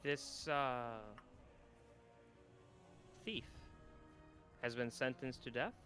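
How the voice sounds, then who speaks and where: Casual bright-voiced male player. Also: medium pitch, very slow, soft background music. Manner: casual, curious, swears. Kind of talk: casual tabletop play.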